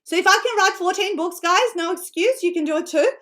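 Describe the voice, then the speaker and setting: Very high-pitched and brisk, she's a middle-aged woman from North Macedonia coaching people on writing books through an energetic online seminar. A native Macedonian speaker, she talks in a Macedonian-tinged Australian accent, chatting away with frequent laughs and tag questions.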